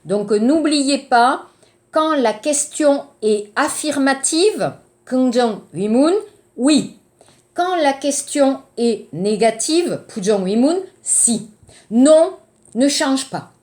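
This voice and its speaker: A woman teaching a grammar lesson to a class, explaining slowly and checking in often. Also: sits high, animated, darkish tone. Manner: slow, deliberate explaining with checks like ok and d'accord. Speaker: French teacher.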